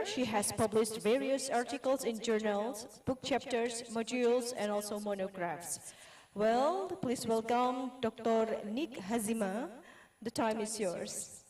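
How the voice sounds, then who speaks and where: A woman's voice: a little high, darkish tone. A woman moderating an online academic conference, politely introducing speakers and reading a guest's biography. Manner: polite, measured, scripted. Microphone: video call. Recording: echoey room, far from mic.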